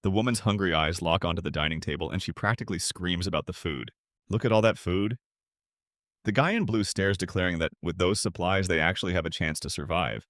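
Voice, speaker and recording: A man narrating a comic story recap in a brisk, dramatic way with sarcastic asides. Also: low-pitched, fairly bright tone, no room sound, clean studio sound.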